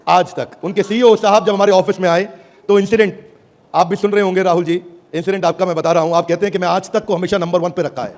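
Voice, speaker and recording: On stage before a live audience, a man gives a high-energy, theatrical product launch presentation, calling out for audience replies. He swings between booming and hushed delivery, speaking fast with a steady tone.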